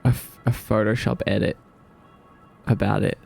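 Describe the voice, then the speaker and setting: Gravelly-voiced streamer. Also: male voice, fairly low pitch, little pitch movement, moderate pace, darkish tone, soft background music. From Australia. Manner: playful, laughing, teasing chat. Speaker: livestreamer. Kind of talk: casual chat reading viewer comments.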